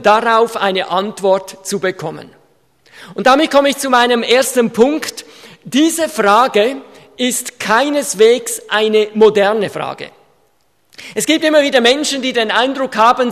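A man preaching an evangelistic sermon to an audience, speaking with emphasis and building to shouted passages. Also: very high-pitched. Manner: emphatic, rising to shouts in quoted rants. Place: hall with audience. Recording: reverberant hall.

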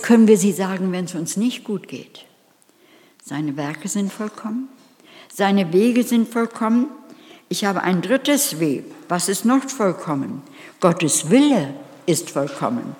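A woman's voice: medium pitch, darkish tone, big-room sound. A woman giving an earnest, emphatic sermon and putting direct questions to her listeners. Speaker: preacher.

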